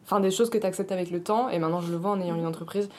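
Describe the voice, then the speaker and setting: Young woman guest on a podcast, lowish voice, talks fast, rambles and restarts a lot. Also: fairly even intonation, a little mellow. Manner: rambling, many fillers and restarts. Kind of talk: casual podcast conversation.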